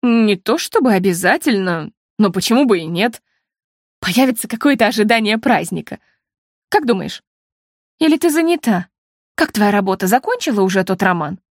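A woman's voice: mid-range voice, animated, moderate pace, no echo, clean studio sound. A woman reading an audiobook, voicing an exasperated older sister who scolds on the phone in a raised, reproachful tone. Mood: teasing.

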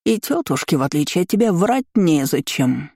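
A reader voicing a meddling old woman ghost in an audiobook, scolding in slow, drawn-out, shrill words. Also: very animated, darkish tone, no room sound, clean studio sound. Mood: accusing. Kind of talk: audiobook role reading.

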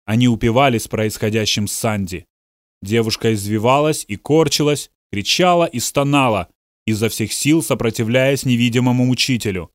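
A man's voice: mid-range voice, moderate pace, no room sound. Guy reading an audiobook, dramatic, dry close mic, mid voice. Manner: dramatic, voices the characters' shouts. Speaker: narrator. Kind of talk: audiobook narration.

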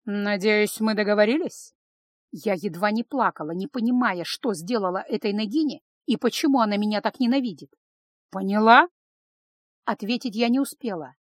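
A woman narrates a fantasy novel in the first person, measured and even. Her voice sits at a middle pitch, recorded dry and close to the mic. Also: slightly rough, no echo. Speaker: audiobook narrator.

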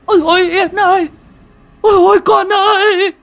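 A man voicing a frantic village mother, calling out and crying in high shrill cries. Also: steady tone, normal speed, fairly bright tone. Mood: wailing.

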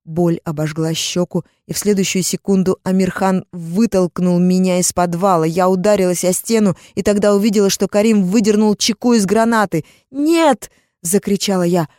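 A woman's voice: lowish voice, steady tone, brisk, few pauses, mellow, dry recording, studio quality. A woman reading a first-person audiobook in a tense, dramatic storytelling manner. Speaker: audiobook narrator. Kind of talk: first-person scripted narration.

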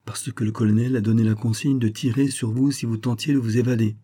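A man's voice: mid-range voice, steady tone, brisk, warm tone, husky, natural voice. A man reading the lines of a loyal young hussar who speaks plainly and respectfully to his commander. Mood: sorrowful.

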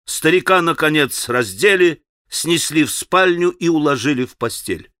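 Man, audiobook narrator, classic novel, expressive dramatic reading, bright voice, dry close sound. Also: on the high side, normal speed, no room sound. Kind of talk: scripted literary narration.

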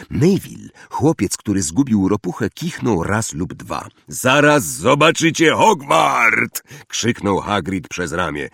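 Slow, expressive male audiobook narrator. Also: lowish voice, breathy edge, no echo, studio quality.

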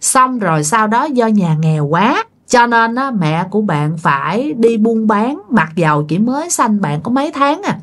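A woman's voice: a little high, big pitch swings, normal speed, hardly any pauses, fairly bright tone. Chatty Southern Vietnamese woman storyteller. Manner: chatty, addresses listeners directly. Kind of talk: ghost story narration.

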